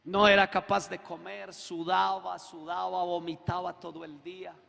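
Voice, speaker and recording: Man preaching a testimony; raspy, bright, acts out dialogue, long reverb of a church. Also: high-pitched, flat delivery, moderate pace. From Colombia. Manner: acts out quoted dialogue, swells to shouting. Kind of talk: sermon testimony. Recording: echoey hall with long reverb.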